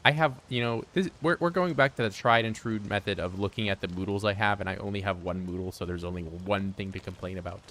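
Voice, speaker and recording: A man's voice: fairly low pitch, steady tone, fast talker, hardly any pauses, a bit bright. A man giving casual live-stream commentary while he plays, joking dryly and answering his chat aloud. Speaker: game streamer.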